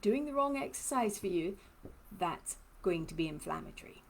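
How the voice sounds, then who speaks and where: A lymphoedema therapist from Trinidad with a mixed, hard-to-place accent gives a chatty, personal live-stream talk, answering viewer comments and laughing often. Her mid-range voice is animated with vocal fry, at normal speed, over slight background noise.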